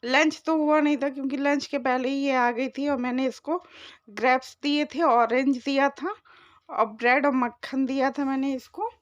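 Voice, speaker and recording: A woman's voice: high voice, fairly even intonation, normal speed, no echo, dull audio. A woman in her thirties narrating her day with her daughter as a casual family vlog voice-over. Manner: chatty, narrating daily life to viewers. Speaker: family vlogger.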